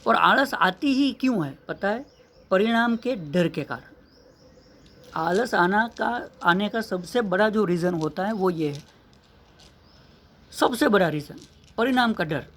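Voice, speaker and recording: A man's voice: high-pitched, animated, slow, pauses often, a bit bright. A man, an English teacher, giving an earnest motivational lesson, asking rhetorical questions and repeating key phrases.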